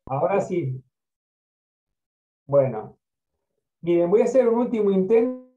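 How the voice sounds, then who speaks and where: High-voiced Argentine professor, breaking-up call. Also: male voice, sing-song, unhurried, mellow. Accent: Argentine Spanish. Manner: restarts and checks whether students can hear him. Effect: choppy, breaking-up internet connection. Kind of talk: online lecture over a video call. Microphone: computer on a video call. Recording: lo-fi video call audio.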